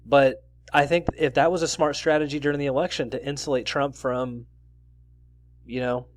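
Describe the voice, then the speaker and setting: With a medium-pitched voice and no room sound, a man runs his own news commentary video. He discusses the stories in a conversational way, reading bits of articles aloud and tossing in asides.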